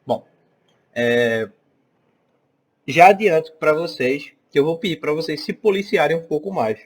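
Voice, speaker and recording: A slightly high voice with a breathy edge, a little slow: a young man from Northeastern Brazil, judging by his accent, is teaching an online class. He talks chattily, constantly checking in with "tá?" and "né?".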